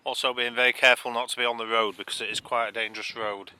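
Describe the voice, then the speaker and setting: A British man narrating a casual outdoor photography vlog from a high, windy roadside, with wind on the microphone. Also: little pitch movement, fast talker, pushed and bright, clear, resonant tone. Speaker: landscape photographer and vlogger. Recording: wind noise on outdoor mic. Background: wind, passing vehicles.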